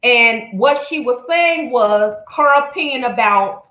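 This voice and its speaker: A woman's voice: a little high, animated, slow, sharp tone. Blunt, profane woman in an echoey room. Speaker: live-stream host. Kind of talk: heated commentary.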